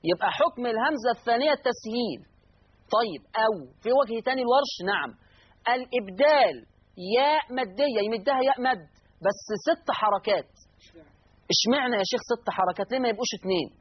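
A man with an Egyptian accent teaching Quran recitation rules, repeating each rule and slowly drawing out the verse words he recites. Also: very high-pitched, lively intonation, husky, lo-fi sound. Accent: Egyptian Arabic. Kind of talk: explanatory lesson on Quran reading rules.

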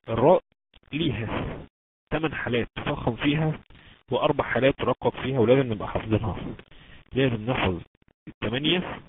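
Here an Egyptian-accented man with a mid-range voice gives an online Quran recitation class. He goes over the rules with patience and stretches out the example words slowly, while the sound comes through a tinny phone-like connection with noise behind it.

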